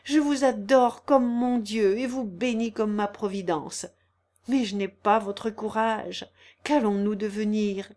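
A woman's voice: mid-range voice, fairly even intonation, slow, darkish tone, natural voice. Woman voicing a fervent young male lover, pleading, storybook reading. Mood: despairing. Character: young man, ardent, impassioned lover. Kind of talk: audiobook reading.

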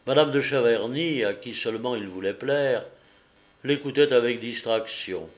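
A man narrating a classic novel in a measured audiobook reading. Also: mid-range voice.

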